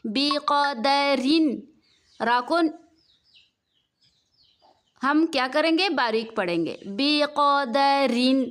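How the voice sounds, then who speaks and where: A woman teaching Quran recitation rules in Urdu with a Pakistani accent, patiently drawing out practice words slowly and asking the listener questions. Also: high voice, very animated. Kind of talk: tajweed lesson with slow drawn-out practice words.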